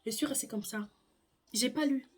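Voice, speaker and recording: A young woman vlogger telling a personal story in a casual, animated way, sometimes stammering. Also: on the high side, normal speed, very noisy.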